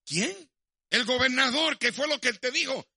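An astonished, urgent prison guard, as a preacher acts him out. His voice is very high and loud. He presses hard with his questions. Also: lively intonation, normal speed, vocal fry, slightly rough, exaggerated voice.

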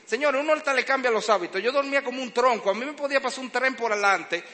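A man's voice: very high-pitched, quick pace, sharp tone. A man preaching a sermon, telling humorous stories about fatherhood and acting out the sounds and cries he describes. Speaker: preacher, father of young children. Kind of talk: sermon with humorous family anecdotes. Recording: long hall reverb, faint background noise.

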